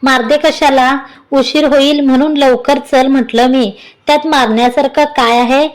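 A woman's voice: sits high, steady tone, natural voice, poor audio. A woman doing a teasing young husband. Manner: teasing, unhurried.

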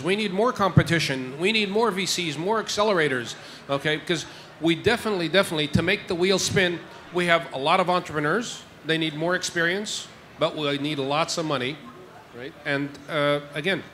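A man's voice: fairly high pitch, pushed and bright, a little hiss or hum. A man speaking as an investor on a panel, emphatic, repeating his points and checking in with the audience. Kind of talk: panel discussion. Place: stage in a large tent with an audience. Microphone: handheld mic.

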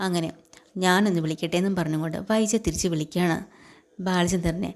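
A woman's voice: lowish voice, fairly even intonation, quick pace, darkish tone. A woman retelling a TV serial episode in a conversational way, briefly voicing the characters' lines as she goes. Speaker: storyteller.

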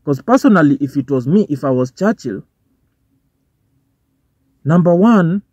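This young Kenyan man swears freely as he vlogs from a parked car, mixing Swahili slang into his Kenyan-accented English while a dashboard phone or camera records him. His fairly high voice is animated, unhurried, a little mellow and slightly rough. The audio is dull and dry.

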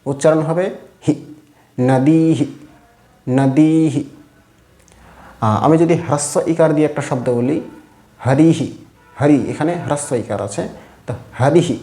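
Male language teacher from Bengal, fairly high and mellow voice, patient and repetitive, echoey room. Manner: patient, repeats each sound slowly and stresses endings. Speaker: Sanskrit teacher. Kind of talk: spoken pronunciation lesson.

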